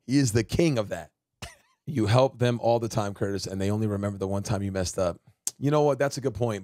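A man's voice: mid-range voice, dry recording, studio quality. A man streaming live, chatting with his viewers and telling stories with lots of swearing. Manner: loud, profane, storytelling, keeps addressing chat. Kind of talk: casual live-stream chat.

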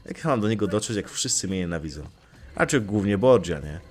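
Lively, playful young gamer guy. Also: lowish voice, a little fast. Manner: playful, swears lightly, jokes and talks back to game characters. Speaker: let's play gamer. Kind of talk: casual gameplay commentary.

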